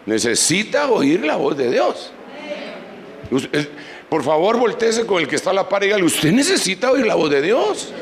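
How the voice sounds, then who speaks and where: A man's voice: fairly high pitch, a bit bright, echoey room, in a large hall, slight background noise, poor audio. A man preaching a sermon as pastor, leading the congregation in prayer. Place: church.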